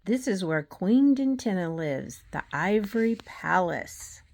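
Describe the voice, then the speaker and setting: Woman as a tiny gentle tooth fairy, soft and plaintive, storybook voice. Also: medium pitch, sing-song, slow, creaky, exaggerated voice. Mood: guiding.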